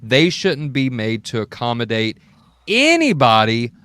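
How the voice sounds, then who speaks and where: A man's voice: medium pitch, wildly swooping pitch, measured pace, a bit bright, no echo. A man, a welder, talking things through in casual chat and often checking in with "right?". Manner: explains with examples, keeps checking in with "right?". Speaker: welder on an open mic panel.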